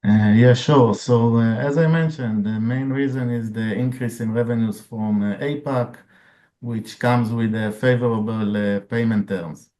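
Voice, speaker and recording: A man delivering results as CFO reads scripted figures formally during an earnings call. He speaks unhurriedly at a medium pitch, his tone steady and dark.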